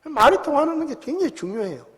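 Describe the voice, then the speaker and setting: A man preaching a sermon as pastor in a church sanctuary, talking conversationally, with big swings between loud and soft. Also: very high voice, very animated, quick pace. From South Korea. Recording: long hall reverb.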